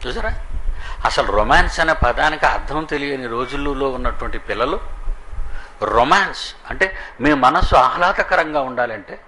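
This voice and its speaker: Man, sermon, gravelly, bright tense voice, scolding, faint background noise. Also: medium pitch, expressive, normal speed, low-quality recording. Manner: scolding, mocking, acts out quoted people. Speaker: preacher.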